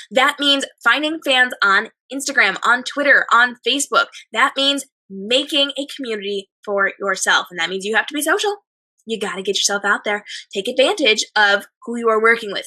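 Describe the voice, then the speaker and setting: A slightly hoarse woman hosting a chatty advice show, speaking emphatically and repeating phrases in lists. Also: fairly high pitch, sharp tone. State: slightly hoarse, losing her voice. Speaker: host of an advice show for authors. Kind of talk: chatty advice monologue to viewers.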